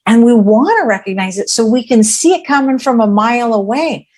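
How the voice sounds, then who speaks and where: A woman's voice: on the high side, brisk, a little mellow. A woman coaching in a podcast interview, explaining earnestly, often checking in with "right?" and acting out inner thoughts aloud. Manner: acts out her own inner thoughts aloud. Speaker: joy coach guest.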